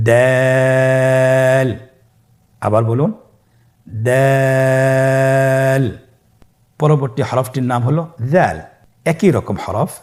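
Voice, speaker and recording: A man teaching Quran reading letter by letter in a recorded lesson, calm and patient, stretching each letter sound and asking listeners to repeat after him. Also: mid-range voice. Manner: calm, patient, with frequent pious interjections.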